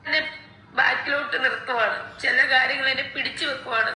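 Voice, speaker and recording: A woman's voice: sits high, steady tone, a little fast, bright, forceful tone, reverberant, poor audio. A woman, upset and pleading during a live stream. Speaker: streamer in a clip.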